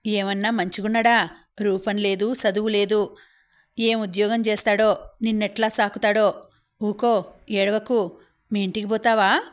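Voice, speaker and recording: A woman voicing a motherly village housewife who consoles and chides gently, speaking with a Telangana accent in an audiobook reading. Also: medium pitch, level tone, unhurried, long pauses, lightly acted. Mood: consoling. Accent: Telangana Telugu.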